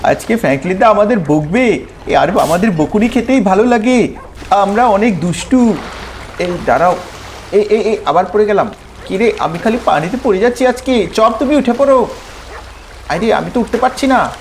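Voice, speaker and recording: A man's voice: high voice, lively intonation, moderate pace, a little hiss or hum. A man voicing a young, scrappy talking pet dog who boasts and guards his turf. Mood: boastful.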